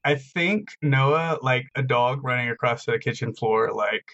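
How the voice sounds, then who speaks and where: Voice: mid-range voice, measured pace, a bit bright, highs cut off. A player in a tabletop role-playing game, describing his character's actions in a rambling way full of fillers.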